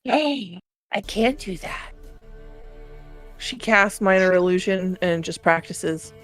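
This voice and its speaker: A woman's voice: mid-range voice, lively intonation, slow. A woman chatting casually as a player in a tabletop roleplaying game. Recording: music behind the voice.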